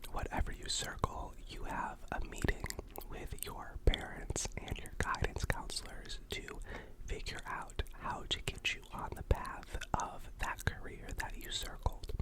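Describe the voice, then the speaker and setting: A young adult with an American accent tells casual, self-effacing personal stories in an ASMR mukbang whisper, chewing while talking between bites. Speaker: video creator and actor.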